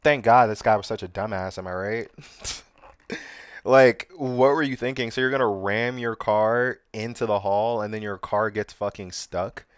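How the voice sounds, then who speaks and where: A young man talking on a livestream with a somewhat low, smooth voice, recorded close and dry. He reacts to news clips in loose, sarcastic slang and laughs at his own jokes. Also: steady tone, normal speed, dry recording. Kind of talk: casual streamer commentary.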